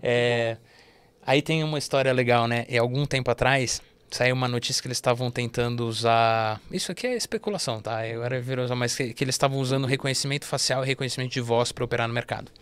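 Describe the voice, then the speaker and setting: Brazilian male podcast guest, average pitch, animated and explanatory, stumbles and restarts often. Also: quick pace, clean tone, dry recording. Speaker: investment firm partner, guest. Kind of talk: casual podcast interview.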